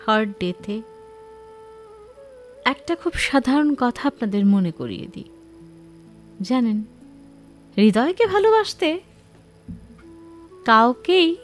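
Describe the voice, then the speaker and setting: A woman's voice: on the high side, sing-song, slow, pauses often, soft background music. A woman presenting a radio phone-in show, addressing listeners directly and posing rhetorical questions.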